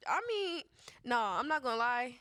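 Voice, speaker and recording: A woman co-hosting a casual podcast chat, telling anecdotes in an animated way and acting out the people in them. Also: fairly high pitch, normal speed, no echo, studio quality. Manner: animated, acts out voices in anecdotes. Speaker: podcast co-host.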